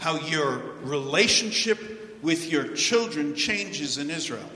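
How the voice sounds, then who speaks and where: An older American man preaching with jokes, pausing for an interpreter in a church. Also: on the high side, animated, bright, forceful tone. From United States. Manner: joking, pausing for translation. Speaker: visiting preacher. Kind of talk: sermon with live interpreter. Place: large church hall. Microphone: handheld or headset mic, walking about. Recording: echoey church hall, faint ambience.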